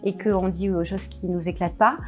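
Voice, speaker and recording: A woman's voice: fairly low pitch, steady tone, normal speed, faint music behind. A woman business coach chatting casually in an interview, hesitant with many fillers and restarts.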